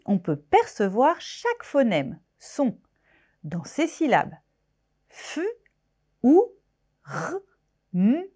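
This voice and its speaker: A woman's voice: on the high side, a little mellow. A woman teaching pronunciation, breaking words into syllables and sounds with careful, exaggerated articulation. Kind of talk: pronunciation lesson.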